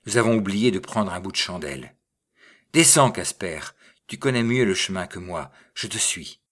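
A man reading aloud and voicing a blustering village mayor who speaks gruffly and gives orders. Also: low-pitched, expressive, moderate pace, a bit bright. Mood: impatient. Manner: gruff, commanding. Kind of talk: audiobook reading.

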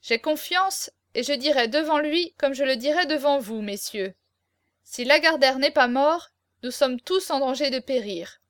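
A woman's voice: high voice, animated, unhurried, no echo, studio quality. A woman reading the part of a scheming, commanding nobleman prince, curt and imperious, in an audiobook. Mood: uneasy. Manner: curt, imperious, louder than the narration.

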